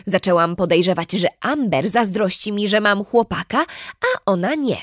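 A woman reading a funny first-person teen diary aloud as an audiobook narrator, in an expressive, storytelling way. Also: medium pitch, normal speed, no room sound, clean studio sound.

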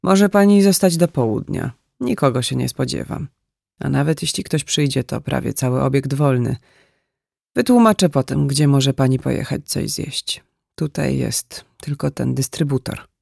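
A man voicing a quiet, gentle older male motel owner who speaks softly and patiently, with a slight hesitation. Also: mid-range voice, normal speed, vocal fry, dry recording, studio quality. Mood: kind.

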